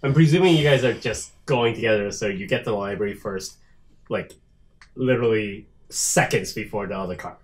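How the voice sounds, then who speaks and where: A man's voice: on the low side, fairly quick. A man casually narrating and chatting as the game master of a tabletop role-playing game.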